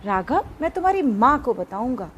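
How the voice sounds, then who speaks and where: A woman's voice: a little high, big pitch swings, normal speed, a bit bright, slight background noise. A woman voicing a firm, good-hearted schoolboy. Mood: stern. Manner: firm, helpful. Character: good-hearted schoolboy who scolds a bully.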